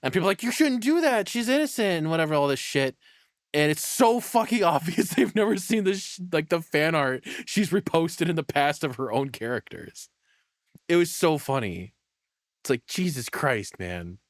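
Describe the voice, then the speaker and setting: A man's voice: fairly high pitch, expressive, normal speed, no room sound, clean studio sound. A man streaming, chatting casually and rambling with a lot of swearing. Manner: rambling, swears often, laughs between words.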